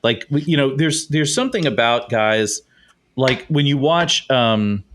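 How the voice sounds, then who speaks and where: A man's voice: mid-range voice, lively intonation, measured pace, a bit bright, slight background noise. A man co-hosting a sports podcast in casual chat, laughing often and trailing off mid-sentence. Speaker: podcast co-host.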